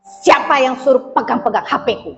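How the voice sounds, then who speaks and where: A woman preacher quoting her irritable husband in a sermon, speaking in a slightly lower voice. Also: moderate pace, in a large hall, dull audio, a little hiss or hum. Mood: irritated. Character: irritable husband, middle-aged man.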